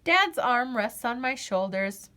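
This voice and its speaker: In a voice that's a little high, a woman storyteller reads a children's picture book aloud. She phrases everything expressively and deliberately and draws out the refrains.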